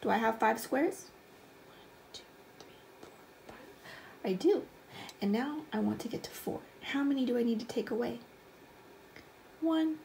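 A woman's voice: on the high side, normal speed, long pauses, darkish tone. A woman in her twenties teaching young children like a kids show host, in simple, encouraging questions. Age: 20s. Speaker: elementary math teacher. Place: small room at home, indoors. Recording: clear background noise, room ambience.

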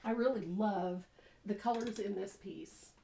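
Somewhat slow and medium in pitch, a gravelly, slightly congested woman in her sixties leads a live painting show from her indoor home studio. She's a warm-hearted, chatty teacher who laughs a lot and fills pauses with ums, using a studio mic on a boom arm.

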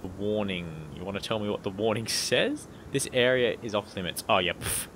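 A young man casually commenting on his own game playthrough, chatty and quick to laugh. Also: lowish voice, animated, a bit bright, slight background noise. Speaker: gaming channel host. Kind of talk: casual let's-play commentary. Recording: game music underneath.

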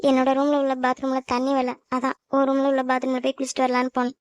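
A woman voicing a playful, teasing young sister in a cartoon family drama, talking quickly. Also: sits high, completely flat delivery, no echo, close to an everyday voice.

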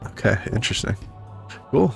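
A man's voice: moderate pace, faint music behind. A man hosting a gaming video, talking casually in an informal, joking way. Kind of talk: casual gaming commentary and chat.

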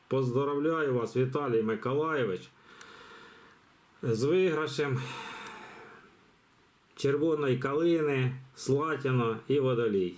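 A man's voice: medium pitch, darkish tone. Chatty man hosting a giveaway. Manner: rambling, chatty, many fillers and restarts. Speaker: channel host running a giveaway. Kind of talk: casual live commentary.

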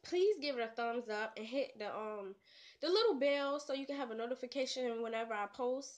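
A woman's voice: on the high side, fairly quick. A woman vlogger, attempting tongue twisters in a casual challenge video, playful and teasing. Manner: playful, trash-talking, laughs at her own slips.

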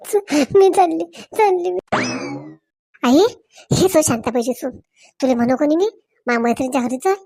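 A woman's voice: high voice, animated, moderate pace, creaky, long pauses, warm tone, no echo. A woman performing a village comedy sketch, switching between several characters in rustic dialect.

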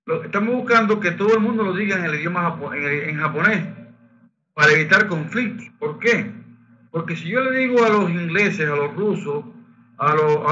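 A man teaches a Reiki group in a bright, fairly high voice. He explains techniques and leads slow, sung chanting of Japanese phrases. The recording sounds dull and lo-fi. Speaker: Reiki facilitator. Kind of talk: spiritual workshop teaching.

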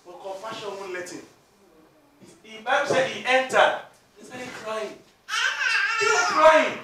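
A Nigerian man preaching a sermon as pastor, breaking into sudden shouts and acted-out quotes to drive his points home. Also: high voice, lively intonation, measured pace, background noise. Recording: echoey hall, speaker far from mic.

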